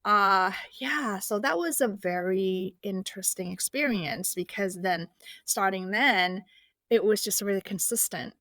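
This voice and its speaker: A woman's voice: medium pitch, measured pace, a bit bright, no room sound. A woman from Indonesia, a podcast guest, speaking casually with many fillers and restarts. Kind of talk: casual interview.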